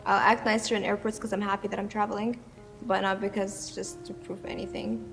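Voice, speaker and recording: A woman's voice: mid-range voice, level tone, fairly quick, vocal fry, over music. A woman interviewee speaking in a matter-of-fact way. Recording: reverberant room.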